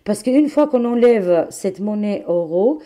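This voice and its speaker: A woman talks her viewers through a tarot reading in a loose, chatty way. She sounds exclamatory and familiar, her voice sitting at an ordinary pitch for a woman. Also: expressive, a little slow, dark tone. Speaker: tarot card reader.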